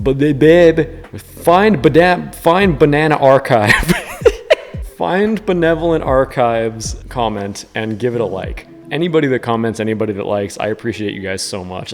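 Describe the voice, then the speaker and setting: A giggly, tipsy man with a lowish voice hosts a casual cooking vlog. He talks in a goofy, drunken way and tends to exclaim. The room rings with long reverb, and music plays behind him. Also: a little mellow. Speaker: host of a drunk cooking video. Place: indoors in a kitchen.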